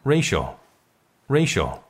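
A man pronouncing each English headword twice, slowly and deliberately. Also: on the low side, huge pitch swings, husky. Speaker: word pronunciation reader. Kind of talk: slow repeated word pronunciation.

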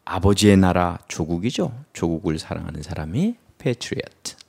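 A man's voice: deep voice, lively intonation, a little slow, creaky, a little mellow, breathy edge. A man teaching English vocabulary, explaining word roots and acting out example sentences with playful memory tricks. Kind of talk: lively vocabulary lecture.

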